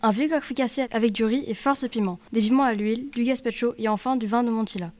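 A woman's voice: fairly high pitch, quick pace, a little mellow, lightly acted. A woman voicing an old female innkeeper who bustles about and orders a meal in an audio drama reading. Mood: hospitable.

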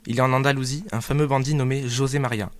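A man playing a confident traveler in a read-aloud drama, with an even, matter-of-fact reading. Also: mid-range voice, racing, no room sound, natural voice. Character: chatty male traveler, confident.

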